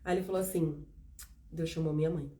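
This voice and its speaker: A woman's voice: low-pitched, fairly quick. A woman in her thirties from São Paulo with a Brazilian accent, hosting a casual faith testimony chat and acting out the dialogue as she tells it. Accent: São Paulo Brazilian Portuguese. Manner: animated storytelling, acting out dialogue. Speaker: host.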